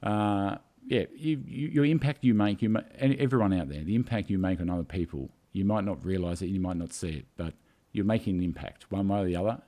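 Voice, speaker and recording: A man's voice: deep voice, brisk, few pauses, warm tone. A man telling a story in a casual video chat, emotional and rambling, tearing up. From Australia. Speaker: co-host.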